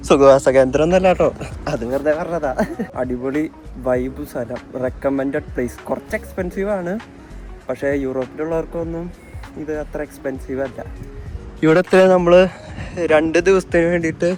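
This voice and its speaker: Male Malayali travel vlogger, slightly high pitch, casual chat with English mixed in, light music underneath. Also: a little fast, a little mellow, low-quality recording. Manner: mixes English words and phrases into Malayalam. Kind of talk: casual vlog chat to viewers and friends. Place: outdoors at a pool and streets.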